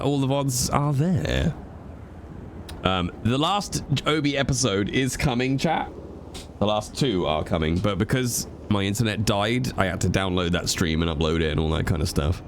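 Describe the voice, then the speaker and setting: A man streams a roleplay game and chats casually to his viewers while he plays, stuffy-nosed from a cold, rambling and swearing freely. His voice is lowish and expressive at a moderate pace, with a little background noise.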